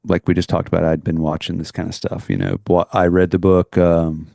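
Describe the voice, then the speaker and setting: Brisk and low, with little pitch movement, vocal fry and a mellow quality, a middle-aged podcast co-host shares a personal story in a relaxed chat. He rambles sincerely, frequently starting over, and the studio sound is clean with no echo.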